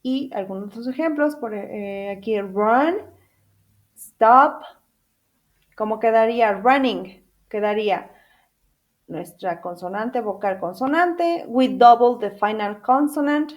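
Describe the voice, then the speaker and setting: A woman teacher leads a bilingual English grammar class, talking at an unhurried pace in a somewhat high voice. She spells out endings letter by letter and repeats every example. She keeps checking in with her students through questions. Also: animated, muffled recording.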